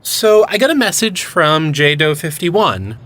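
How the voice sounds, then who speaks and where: A man's voice: on the high side, big pitch swings, a little slow, a bit bright, no echo. An actor playing an enthusiastic young male cryptid hunter who explains things eagerly in an audio drama. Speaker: lead character.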